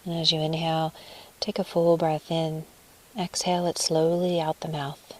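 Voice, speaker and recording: This guided meditation comes from a woman whose low, soft, breathy voice stays calming and level, with little melodic rise or fall. She measures out her phrases carefully and leaves gaps between them, recorded in poor audio.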